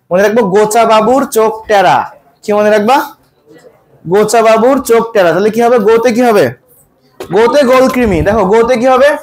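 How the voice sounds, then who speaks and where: A man teaching a biology exam-prep lesson. He keeps quizzing his students and repeats each question, then slows down to spell out scientific terms. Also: high voice.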